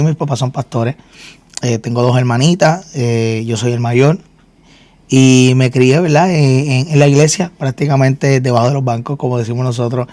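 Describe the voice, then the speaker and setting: A man's voice: medium pitch, darkish tone, dry recording. A man from Puerto Rico with a Puerto Rican accent, a minister giving his testimony in an earnest way, repeating words and using fillers. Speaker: minister and guest. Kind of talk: testimony interview.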